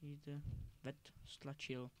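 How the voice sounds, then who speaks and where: Teen boy, fairly high voice, rambling casual game commentary. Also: flat delivery, fairly bright tone, a little hiss or hum. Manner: rambling, self-correcting, chatty. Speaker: gaming YouTuber.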